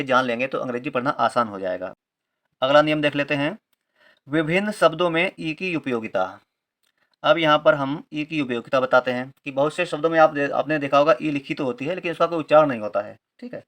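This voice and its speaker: A man's voice: fairly high pitch, a little fast, fairly bright tone. A man teaching English reading rules, patiently spelling words letter by letter and repeating each point with a confirming aside. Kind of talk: Hindi-medium English reading lesson.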